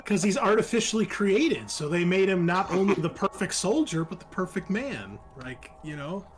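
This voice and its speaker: Music runs under a man's high, lively voice as he game-masters a tabletop game at normal speed, narrating casually and explaining in a hedging manner.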